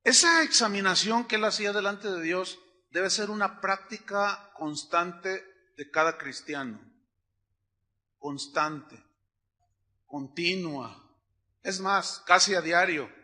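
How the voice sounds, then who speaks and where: A man delivers a lively sermon in a high, very bright voice. He acts out little everyday scenes and swings between loud, emphatic lines and quiet, low asides. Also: slow, pauses often. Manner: animated preaching, acts out little dialogues, swings from loud to hushed. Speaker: pastor.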